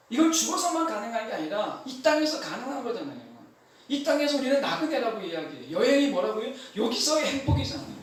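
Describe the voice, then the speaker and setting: A man preaching a sermon as pastor, animated and repeating his key phrases. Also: high-pitched, a little hiss or hum. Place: church sanctuary. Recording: echoey church hall, mic from far off.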